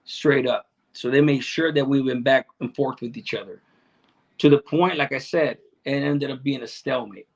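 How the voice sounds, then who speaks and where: Answering his chat on a livestream, a middle-aged man talks casually with plenty of street slang, heavy cursing, and repetition. He is Salvadoran and grew up in Chicano neighborhoods. His voice sits in the mid-range with vocal fry at a normal speed, and the sound is lo-fi.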